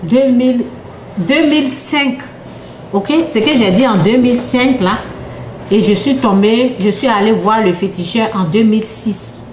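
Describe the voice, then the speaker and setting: A woman preacher giving a sermon with personal testimony, emphatic and repetitive, sometimes dropping to a hush. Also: fairly high pitch, unhurried, a little hiss or hum. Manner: emphatic, repetitive, drops to hushed tones. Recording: echoey room with faint ambience.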